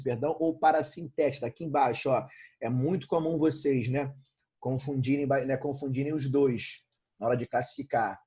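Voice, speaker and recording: A man's voice: medium pitch, mellow, slightly rough. A Brazilian man teaching an informal online grammar lesson, repeating points and checking in with frequent tag questions. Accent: Brazilian Portuguese.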